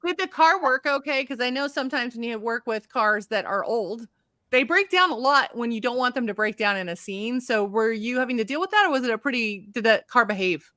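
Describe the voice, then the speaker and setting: A woman's voice: a little high, lively intonation, brisk, pushed and bright, dry recording, studio quality. A woman hosting a podcast, chatting casually and enthusiastically with lots of fillers. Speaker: podcast host. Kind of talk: casual interview chat. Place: lives in Los Angeles.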